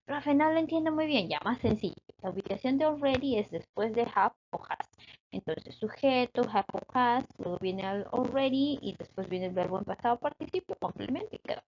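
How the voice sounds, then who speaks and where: A woman's voice: on the high side, expressive, moderate pace, lo-fi sound, slight background noise. A woman teaching an English grammar lesson in Spanish, explaining patiently and checking often that her students follow.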